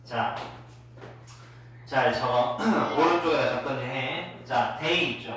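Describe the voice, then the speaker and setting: A man's voice: mid-range voice, takes it slowly, a bit bright. Korean guy teaching english phonics to kids, says words over and over for them to repeat, very echoey classroom, mic far off. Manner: drills pronunciation, repeating words for students to echo. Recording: roomy echo, distant mic.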